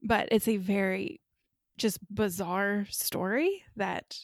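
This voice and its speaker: A woman's voice: mid-range voice, slow, no echo, clean studio sound. A woman co-hosting a podcast, telling a weird story in a casual, chatty way with careful enunciation. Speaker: podcast co-host.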